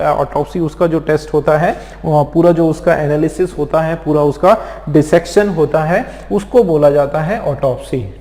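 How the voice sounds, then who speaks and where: Man from India, vocabulary teacher, fairly high voice, slow patient explanations, echoing room. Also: darkish tone. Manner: explains slowly with many repeated check-ins. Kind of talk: exam-prep lecture. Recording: echoey room with long reverb.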